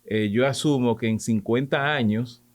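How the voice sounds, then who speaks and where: A man with a Dominican accent talks as a podcast guest in a medium-pitched voice. His casual discussion comes haltingly, with repeated words as he works out his thought. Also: fairly even intonation.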